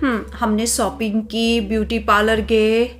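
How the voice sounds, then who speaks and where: A woman's voice: a little high, flat delivery, measured pace, faint music behind, lightly acted. A woman voicing a spoiled, scheming young wife who sweet-talks and boasts, in a cartoon story. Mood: boastful. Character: scheming spoiled young wife, sticky-fingered sister-in-law.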